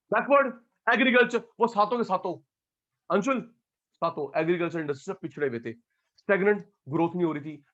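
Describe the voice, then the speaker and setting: A man teaching economics in a live classroom lecture, calling on students by name and swinging between loud calls and quiet asides. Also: high-pitched, highs cut off.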